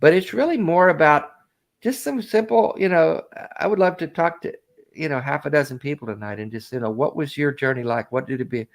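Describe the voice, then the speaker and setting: A man hosting a call-in talk show, chatting casually with a guest, animated and often laughing. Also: on the high side, brisk. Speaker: host. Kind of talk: casual chat.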